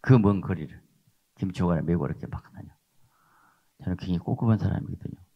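An older man preaching with emphasis, pressing his points with questions to the congregation. His voice is low and gravelly. The recording sounds dull and lo-fi. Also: quick pace. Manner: emphatic, repeats rhetorical "어?" tags. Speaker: pastor. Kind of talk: sermon.

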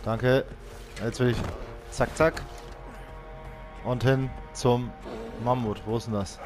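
Aufgebrachter junger Mann kommentiert ein Spiel. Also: male voice, steady tone, takes it slowly, over music. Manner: frustrated, exclaiming, shouts high-pitched for help in panic. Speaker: let's play gamer. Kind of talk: let's play commentary.

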